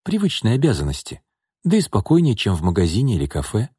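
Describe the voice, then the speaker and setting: A man voicing a calm, gentle young woman who works as a nanny in an audiobook. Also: on the low side, fast, breathy edge, no room sound, clean studio sound, heavily acted. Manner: calm, mild, reasonable.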